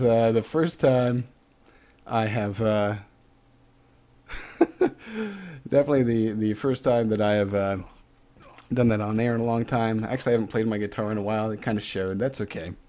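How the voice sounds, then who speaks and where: A man hosting a live stream, chatting casually and loosely with lots of laughs and fillers as he wraps up. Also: mid-range voice. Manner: relaxed, laughing, filler-heavy. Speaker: stream host. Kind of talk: casual sign-off chat.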